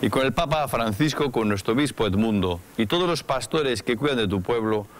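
A man leading Mass as the priest, reciting the liturgical prayers in a solemn, measured way in a small chapel. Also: medium pitch, animated. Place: small chapel studio with brick wall.

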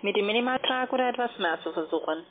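A call centre agent, a woman with a medium-pitched, animated voice, makes scripted sales calls at a very fast pace. The phone line is tinny and noisy, with background noise.

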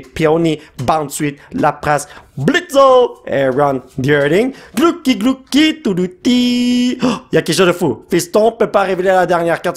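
A young man with a high-pitched voice and a Quebec French accent, chatting in a casual vlog. He swings between easy commentary and excited outbursts full of English slang. His voice sounds a little strained from all the shouting. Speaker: YouTuber opening trading card packs.

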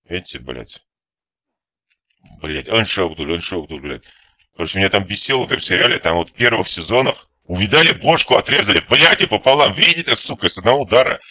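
Deep-voiced man swearing through gameplay. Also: animated, a little fast, bright, forceful tone. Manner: constant swearing, rambling and irritated. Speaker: gameplay commentator. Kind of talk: profane let's-play commentary.

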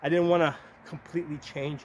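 The speaker, a man in his forties who does medieval combat, gives a laid-back outdoor shield demonstration on a gravel yard near woods, breaking things down step by step and often checking "right?" or "okay?". He sounds slightly high, darkish, and flat, with a brisk pace. The camera is a few metres away, leaving the audio noisy and muffled.

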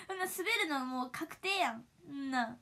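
Reading viewer comments on her idol livestream, a young woman chats casually in a bright, high voice. She giggles a lot and keeps up a chatty, laughing flow.

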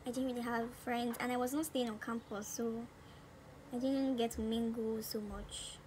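A woman's voice: fairly high pitch, flat delivery, moderate pace, a little mellow. A woman in her twenties with a Nigerian accent, chatting casually and animatedly as a beauty vlogger. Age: 20s. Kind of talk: casual chat during a makeup tutorial. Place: small room at home. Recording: noticeable background noise.

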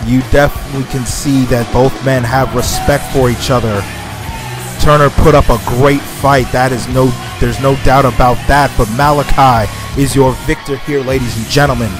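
A man doing excited play-by-play commentary over a wrestling video game, exclaiming and gasping as his voice leaps up. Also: mid-range voice. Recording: loud game music and crowd noise. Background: game music and arena crowd.

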